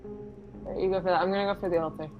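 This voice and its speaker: A woman's voice: on the low side, steady tone, very fast, muffled recording, soft background music. Casual woman at a game table.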